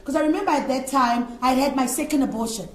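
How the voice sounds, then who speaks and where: A woman's voice: high-pitched, quick pace. A woman from Africa, an interview guest telling her personal story in an earnest, rambling way. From South Africa. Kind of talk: candid personal testimony. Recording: echoey room.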